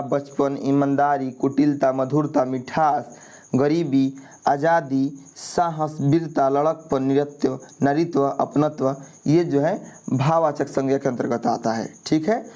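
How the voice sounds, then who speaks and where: A man narrates a grammar lesson for exam candidates, his voice sitting a little higher than most men's. He explains each answer patiently and repeats key points, often pausing to check that listeners are following. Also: darkish tone. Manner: repetitive, checks in with "ठीक है" often. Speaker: exam prep teacher. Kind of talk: explaining a Hindi grammar quiz.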